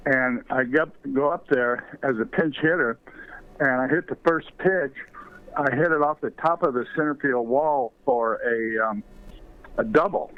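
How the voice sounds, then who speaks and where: An older man, a former ballplayer and author, telling rambling baseball stories with many fillers as an interview guest. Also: mid-range voice. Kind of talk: storytelling in a podcast interview. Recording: tinny phone line.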